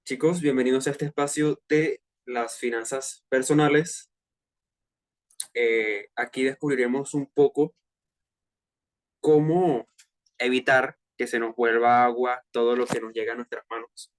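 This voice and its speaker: Running an online finance workshop for fellow students, this twenty-something Venezuelan man speaks at a measured pace and an ordinary middle pitch. His Venezuelan Spanish delivery is loose and conversational, peppered with fillers, hesitations and casual slang.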